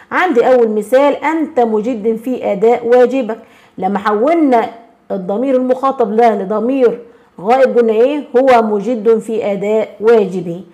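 A woman with an Egyptian accent teaching a grammar lesson, constantly checking in with questions and slowing down to stress example words. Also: a little high, a little mellow. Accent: Egyptian Arabic. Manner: slows and stresses words when reading examples.

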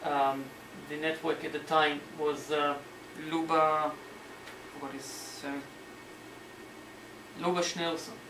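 A man lecturing on history as a story, animated and sometimes searching for words, acting out the quotes. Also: a little high, slow. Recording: roomy hall, mic at a distance, faint noise.

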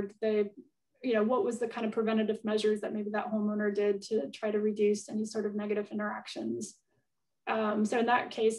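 A woman answering audience questions as a guest expert, thinking aloud and hedging with plenty of fillers. Her voice sits a little high but stays flat in melody. She sounds set back from the microphone on a video call. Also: recorded from a distance, rough recording. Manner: thoughtful, hedging, many fillers. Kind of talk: conversational Q&A answers.

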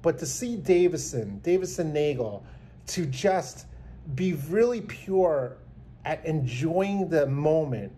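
In a small indoor room, a man in his fifties speaks a heartfelt tribute into a close-held phone camera, earnestly rambling and often starting over as a vlogger. His voice is a little high, expressive, warm, and slowly paced.

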